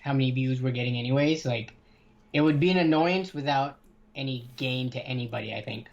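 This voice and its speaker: A man co-hosting a casual livestream chat over a voice call, relaxed and easygoing, often trailing off with fillers. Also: mid-range voice, fairly quick, highs cut off. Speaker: co-host. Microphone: computer mic over a voice call. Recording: noisy voice-call audio.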